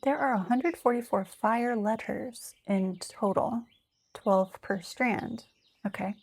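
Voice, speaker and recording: A woman with a gravelly, husky voice talks in a loose, rambling way, half reading from notes and half musing out loud. She is frank and unfiltered, tossing in fillers and the odd curse word. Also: a little high, slow pace. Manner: candid, rambling, swears freely; thinks aloud with many fillers. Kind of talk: casual spiritual monologue, reading notes aloud.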